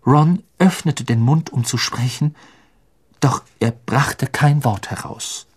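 A man narrating an audiobook in a lively, expressive storytelling manner. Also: mid-range voice, slow, breathy edge. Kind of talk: scripted narration.

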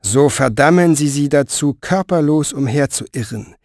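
Man doing a soft velvety scheming villain. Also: fairly high pitch, lively intonation, dry recording, studio quality. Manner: soft, velvety, slow, menacing. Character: smooth scheming male sorcerer-reader, soft-voiced and menacing.

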